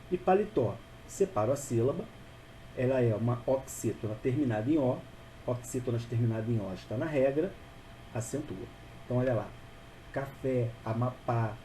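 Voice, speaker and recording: A man's voice: mid-range voice, dark tone, a little hiss or hum, low-quality recording. A man teaching a grammar lesson, patient and repetitive, often checking in with the listener. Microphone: voice-over for a narrated video.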